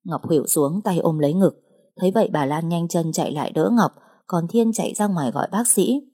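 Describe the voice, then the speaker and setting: Woman, audiobook narrator, steady, low-pitched, mellow, husky. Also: a little fast. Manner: steady storytelling.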